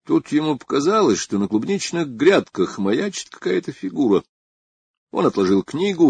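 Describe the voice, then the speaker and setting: Slow gravelly male storyteller. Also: medium pitch, dry recording. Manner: expressive, unhurried storytelling. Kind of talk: scripted narration of a story.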